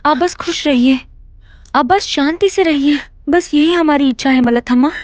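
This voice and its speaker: A woman playing a gentle, apologetic daughter-in-law. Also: high-pitched, moderate pace, dry recording, close to an everyday voice. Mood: soothing. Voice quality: soothing, apologetic.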